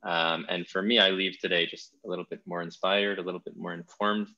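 A man's voice: sits low, steady tone, fairly quick, sharp tone, lo-fi sound. A man hosting a podcast interview, talking in an enthusiastic, thoughtful way with frequent restarts. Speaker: podcast host. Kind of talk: casual interview chat.

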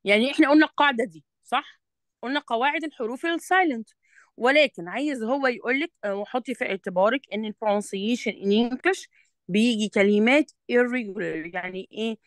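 Recorded dry, a slightly high female voice with an Egyptian Arabic accent tutors a student through an English revision session. She takes English sentences slowly and deliberately, explains things patiently, and checks in often to confirm comprehension.

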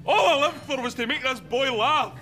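Scottish boss overacting a death scene, wailing high and swooping, music behind. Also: male voice, moderate pace. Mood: overwrought grief. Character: jovial, pushy male company boss who loves telling jokes. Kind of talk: sketch comedy acting.

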